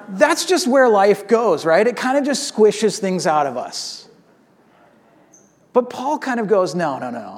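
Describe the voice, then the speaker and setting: A male pastor in his thirties gives a sermon in a high, light voice. He talks in a loose, conversational way, acting out stories and often checking in with "right?". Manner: conversational, animated storytelling with frequent "right?".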